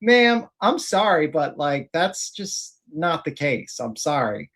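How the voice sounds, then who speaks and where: A man's voice: fairly high pitch, sing-song, slow, fairly bright tone. A man co-hosting a casual talk stream, mocking video clips with lots of swearing and laughter. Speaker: co-host. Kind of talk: casual profane commentary on clips.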